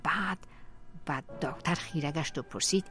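A woman reading a story aloud in a steady, expressive way. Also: sits low, soft background music. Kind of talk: storytelling narration.

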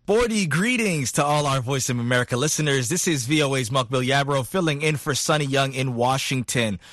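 A man presenting a radio sports news show, reading the results in a clear, measured newsreader manner. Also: medium pitch, a bit bright, dry recording, studio quality.

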